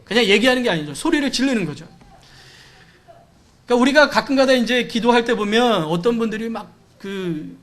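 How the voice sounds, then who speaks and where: High-voiced Korean pastor preaching. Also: male voice, lively intonation, brisk, pauses often, fairly bright tone. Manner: conversational preaching, acts out quoted cries and dialogue. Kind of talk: sermon. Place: church sanctuary.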